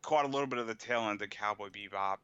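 A man in his twenties chatting casually, telling long stories in a relaxed, talkative way. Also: lowish voice, quick pace, clear, resonant tone, dry recording, dull audio. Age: 20s. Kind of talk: casual chat.

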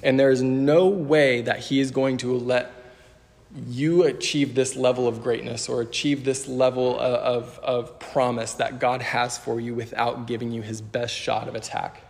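A man's voice: mid-range voice, flat delivery, a little slow, darkish tone. A young man preaching a casual sermon with many fillers, telling a funny story before reading scripture. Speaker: youth preacher. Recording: long hall reverb.

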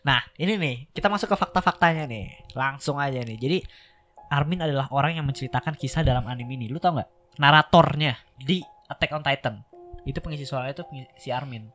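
A man hosting a casual podcast chat, loud, laughing and swearing freely. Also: medium pitch, fast. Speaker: podcast host.

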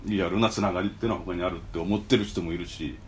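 Interviewer guy, lowish voice, stops and starts a lot, keeps saying um and uh. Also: fairly even intonation, slight background noise. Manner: halting, searching for words with many fillers. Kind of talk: conversational interview.

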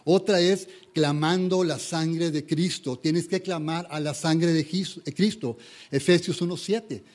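A man's voice: fairly high pitch, fairly even intonation, a little slow, darkish tone. A man preaching a sermon as pastor, in an earnest, conversational way, often restarting and stumbling over his words.

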